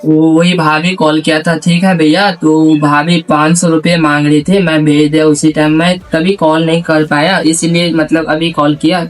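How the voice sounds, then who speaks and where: A man's voice: fairly high pitch, level tone, normal speed, few pauses, soft background music. A man making a prank call video, chatting casually in a hesitant, repetitive, rambling way. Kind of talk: casual phone chat and vlog talk.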